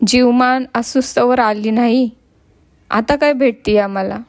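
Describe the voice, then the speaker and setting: A woman's voice: a little high, measured pace. A woman voicing a blind, ailing village woman who speaks in a sad, pleading rustic way. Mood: sorrowful.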